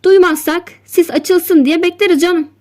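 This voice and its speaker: A woman's voice: extremely high pitch, fairly even intonation, unhurried, darkish tone, pitched above the performer's own voice. A woman voicing a practical old male fisherman with short, blunt replies in an audiobook story. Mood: matter-of-fact.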